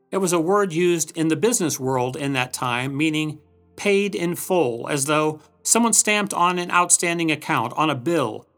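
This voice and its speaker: A man's voice: on the high side, fairly bright tone. A man giving a scripted Bible commentary, telling the story earnestly with dramatic emphasis. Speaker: Bible teacher. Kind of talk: scripted devotional narration.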